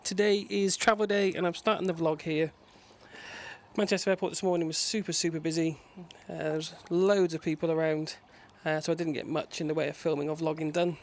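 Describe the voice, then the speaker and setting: A man's voice: a little high, little pitch movement, fairly quick. A man narrating a casual travel vlog to viewers. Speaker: travel vlogger.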